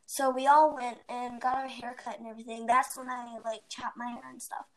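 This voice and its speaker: Teen girl, high voice, rambling story full of "like" and "basically", chatty podcast co-host. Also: brisk. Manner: rambling, animated storytelling with many fillers. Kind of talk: casual chat, storytelling. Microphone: home mic, recorded remotely.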